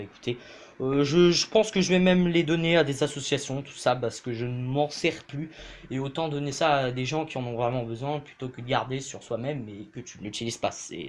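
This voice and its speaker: A young man giving a casual tour of his bedroom, rambling and hesitant with lots of fillers, his voice jumping up then sinking low and quiet. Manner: pitch swings up and drops low and quiet. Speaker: vlogger. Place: bedroom, indoors.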